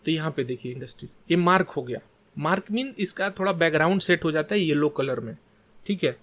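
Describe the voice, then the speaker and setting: A man's voice: fairly high pitch, lively intonation, fairly quick, fairly bright tone. A man teaching a screen-share coding lesson in Hindi mixed with English tech terms, often checking in with "ठीक है". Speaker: coding tutor.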